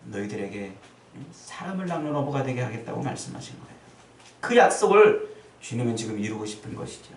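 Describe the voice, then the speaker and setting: A man preaching a sermon as pastor, acting out the quoted lines with sudden loud, high outbursts. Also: sing-song, brisk, roomy sound, distant mic, slight background noise, rough recording. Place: church sanctuary.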